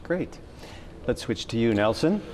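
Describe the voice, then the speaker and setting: A man hosting a community TV talk show, asking relaxed, friendly questions in a studio interview. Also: medium pitch, measured pace, a little hiss or hum.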